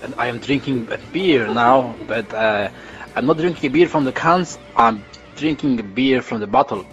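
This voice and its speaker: Polish-accented man, podcast co-host, explaining and quizzing, mid-pitched. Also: animated, normal speed, fairly bright tone, lo-fi sound, soft background music. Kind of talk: casual chat.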